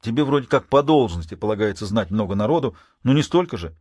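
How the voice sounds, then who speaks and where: A man's voice: on the low side, expressive, quick pace, darkish tone, dry recording. A man voicing a cheerful teenage schoolboy who banters with mock enthusiasm, in an audiobook recorded in a dry, close space. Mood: joking.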